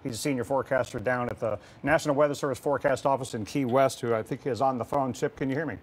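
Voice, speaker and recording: Halting man anchoring live storm coverage. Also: medium pitch, steady tone, breathy edge. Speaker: weather broadcast host.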